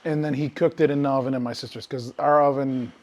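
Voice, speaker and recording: A fast-talking man with a mid-range voice co-hosts a podcast, rambling loosely through stories in casual conversation. He swears a lot and gets animated when he's telling a story.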